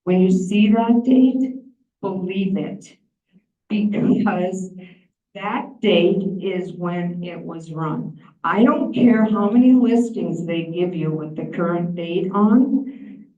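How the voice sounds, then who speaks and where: A woman explains things plainly during a meeting presentation in a large room, speaking slowly in a lowish, mellow voice. A distant mic captures dull, echoey sound.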